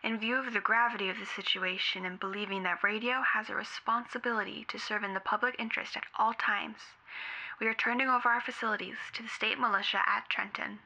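A woman's voice: mid-range voice, fairly even intonation, a little fast, creaky, sharp tone, exaggerated voice, low-quality recording. An actress playing a solemn female radio executive making a stiff, formal statement in a radio drama.

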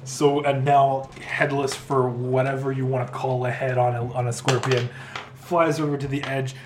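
A man running a tabletop game as game master, relaxed and laughing often between rulings. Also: medium pitch, moderate pace, background noise.

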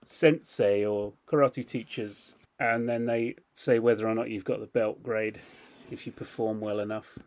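A man tells a story on a casual podcast, his voice sitting at an everyday middle pitch. He is animated and laughs through the telling. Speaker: podcast co-host.

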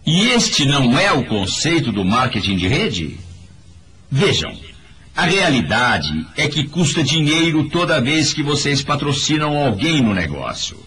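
A man delivers a motivational talk with a preachy, emphatic manner. His pitch swings wildly from low to high as he presses each point. He speaks straight to his listeners, with a faint hiss underneath. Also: a bit bright. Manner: emphatic, preachy, addresses the audience directly. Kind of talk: motivational speech in a voice-over.

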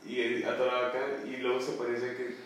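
A man's voice: medium pitch, monotone, quick pace. A man with a Mexican Spanish accent, co-hosting a podcast in casual chat and mostly answering with short agreements. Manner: listens and backchannels with short agreements. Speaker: podcast co-host. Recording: echoey room, far from the mic.

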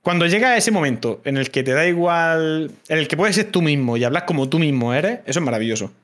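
A man from Murcia with a Murcian Spanish accent, chatting casually over a video call, relaxed and swearing freely. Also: a little high, brisk. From Murcia, Spain. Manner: relaxed, swears freely, many fillers and restarts. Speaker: streamer guest. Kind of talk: casual chat.

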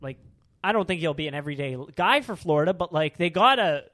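Animated man in casual sports chat. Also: fairly high pitch, quick pace. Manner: animated, rambling with restarts. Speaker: podcast co-host.

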